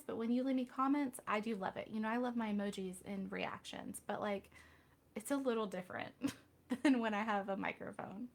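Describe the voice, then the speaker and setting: A woman hosting a casual live Q&A stream, talking candidly with chatty, self-deprecating asides. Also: fairly high pitch. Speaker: reiki healer hosting a live Q&A.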